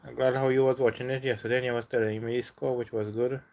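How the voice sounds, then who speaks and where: Man, Trinidadian accent, livestream host, casual chat, relaxed, reads comments aloud, middle pitch. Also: fast. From Trinidad and Tobago.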